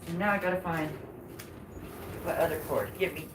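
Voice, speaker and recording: Talking steadily at a moderate pace, a woman with a lowish voice works in her workshop and chats with viewers, breathing heavily from the exertion. She's a woodcarving vlogger, recorded in a noisy, roomy space from a distant mic.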